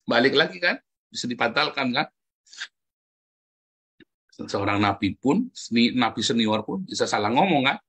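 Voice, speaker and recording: Animated husky male preacher. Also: normal speed, long pauses. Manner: animated, jumps high in pitch for emphasis, keeps calling out "saudara". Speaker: pastor. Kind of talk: lively sermon addressing the congregation.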